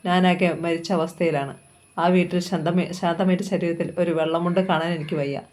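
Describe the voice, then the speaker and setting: A woman reads a novel aloud, narrating in the first person in a steady, sorrowful storytelling manner. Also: on the low side, normal speed. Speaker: novel reader.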